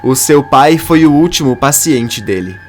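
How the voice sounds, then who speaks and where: A man reading a brisk hospital receptionist woman. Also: medium pitch, lively intonation, soft background music, pitched above the performer's own voice, close to an everyday voice.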